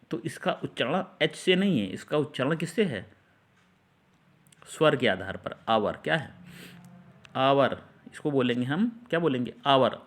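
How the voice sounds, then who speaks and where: Man teaching English articles in Hindi. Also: mid-range voice. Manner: repeats and quizzes with questions.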